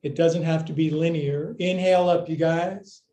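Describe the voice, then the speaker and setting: A man's voice: fairly high pitch, fairly even intonation, moderate pace, mellow, a little hiss or hum. A man teaching a live yoga class, cueing moves with playful jokes and counts. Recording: echoey room.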